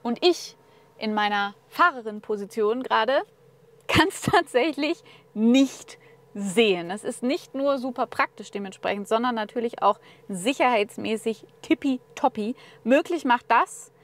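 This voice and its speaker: A woman's voice: on the high side, a little slow. Upbeat woman reviewing a car interior. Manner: chatty, upbeat, addresses viewers directly. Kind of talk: casual car walkthrough. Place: inside a car.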